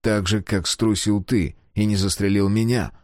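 A man voicing a composed, calculating young male officer who speaks in a formal, measured way. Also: on the low side, fairly even intonation, no room sound, studio quality, lightly acted. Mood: calm.

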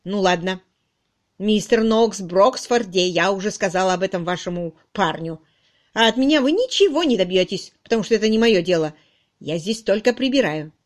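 A woman voicing a loud, bossy middle-aged charwoman in an audiobook, brusque and exclaiming. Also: medium pitch, animated, normal speed, lightly acted. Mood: blunt. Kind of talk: audiobook reading.

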